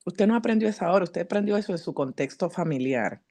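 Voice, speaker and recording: A woman psychologist giving a teaching talk at a church, addressing the congregation directly and asking them questions in a lively, earnest way. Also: lowish voice, fast talker. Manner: lively, earnest preaching delivery.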